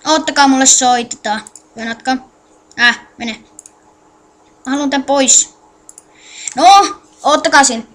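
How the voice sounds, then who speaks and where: A woman's voice: high-pitched, steady tone, fairly bright tone. A woman giving a casual screen-recorded game tutorial, addressing viewers with instructions while muttering to herself as she clicks around. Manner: mutters to self while clicking, halting and distracted. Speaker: tutorial maker.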